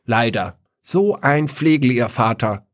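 A man voicing a cranky old widow who scolds indignantly in a raised, shrill voice. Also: animated, slow. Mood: scolding.

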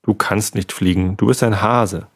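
A man's voice: fairly low pitch, fairly even intonation, moderate pace, dry recording, clean studio sound. A man doing a sly growling fox. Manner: growling, dismissive.

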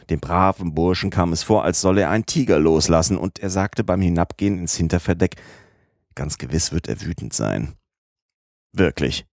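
Male audiobook narrator, low and measured, dry close-miked sound. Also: a little mellow, no room sound. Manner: measured storytelling. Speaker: audiobook reader. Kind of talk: scripted narration.

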